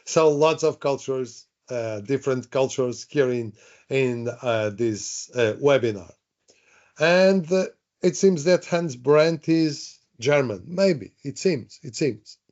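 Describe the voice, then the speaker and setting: A man's voice: mid-range voice, lively intonation, slow pace, darkish tone. A man teaching a live online workshop, chatty, repeating himself and asking the audience questions. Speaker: webinar trainer. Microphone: video call. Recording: dull lo-fi online call audio.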